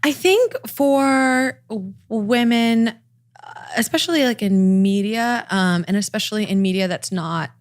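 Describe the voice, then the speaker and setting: A woman with a Californian accent and a slight vocal fry, chatting casually as a podcast guest with lots of fillers. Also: mid-range voice, a little slow. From Los Angeles. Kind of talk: casual chat.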